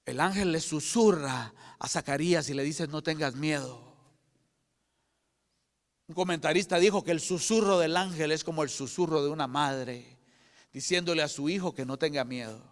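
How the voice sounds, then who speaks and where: An older man preaching a sermon as pastor, with fervent delivery that moves from loud proclamation to hushed whispers. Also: a little high, moderate pace. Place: church sanctuary. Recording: church hall with long reverb.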